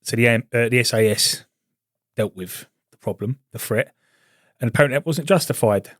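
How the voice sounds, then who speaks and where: Ex-army bloke cohosting a podcast, blunt stories, talks fast, dry close mic. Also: male voice, mid-range voice, no echo. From Britain. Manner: blunt storytelling army banter. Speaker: podcast co-host; British Army veteran, ex-tank crew. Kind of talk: casual chat.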